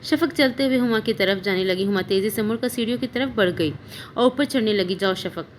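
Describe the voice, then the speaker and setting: A woman reading a novel aloud in a steady storytelling manner. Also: a little high, brisk, slight background noise. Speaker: novel narrator.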